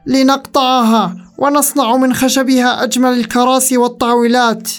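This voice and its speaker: A woman's voice: high-pitched, level tone, fairly quick, soft background music, natural voice. Casting: woman doing a blustering greedy man, bossy and scornful, storybook. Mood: scheming. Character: greedy blustering male furniture seller.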